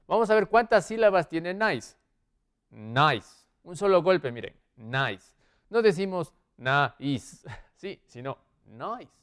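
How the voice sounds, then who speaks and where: A man's voice: high-pitched, expressive, moderate pace, clear, resonant tone. A male English teacher giving a classroom lesson, often checking in with his students and moving around as he writes on the board. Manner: checks in with frequent "¿sí?" and "¿ok?"; moves around while writing on the board.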